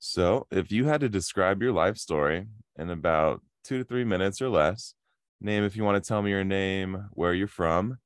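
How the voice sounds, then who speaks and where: Deep, smooth-voiced male podcast host. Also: moderate pace, no room sound. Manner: relaxed, curious questioner. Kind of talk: casual interview. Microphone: video call.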